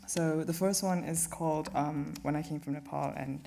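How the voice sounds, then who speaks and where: A young man reading his own poems aloud at a live event, modest and soft-spoken, with a measured delivery. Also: on the high side, steady tone, gravelly, background noise. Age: young adult. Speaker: young poet.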